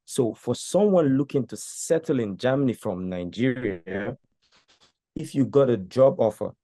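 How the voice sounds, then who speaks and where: Mellow-voiced man asking a question. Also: mid-range voice, dry recording, studio quality. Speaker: question asker.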